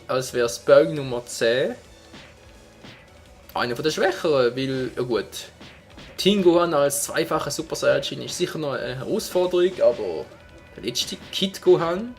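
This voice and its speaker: Animated Swiss German man commentating a game. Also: mid-range voice, normal speed, faint music behind. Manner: exclaims and swears at the game. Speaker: gaming let's player. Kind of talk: excitable gameplay commentary.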